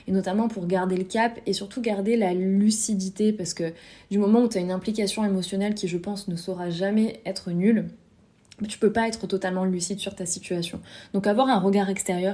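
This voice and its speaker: A young woman hosts a solo podcast, speaking casually and directly to one listener. Her voice sits at a middle pitch with a mellow, dark tone. She drops in the odd self-deprecating aside. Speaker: podcast host. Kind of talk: solo podcast advice talk.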